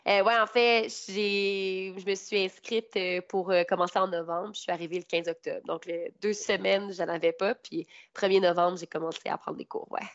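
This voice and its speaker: A young Canadian woman with a Québécois accent answers an interviewer in a loose, chatty way, filling pauses with "euh" and breaking into small laughs. Her voice sits at an ordinary pitch for a woman. The recording is dull and lo-fi, with a dry, close sound. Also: steady tone, dry recording. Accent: Québécois French. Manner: hesitant, many "euh" fillers, laughs often.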